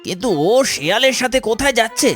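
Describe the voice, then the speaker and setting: A man's voice: very high-pitched, expressive, quick pace, music in the background. A man voicing an eagle, a loyal friend who speaks in an urgent, earnest way. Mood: worried.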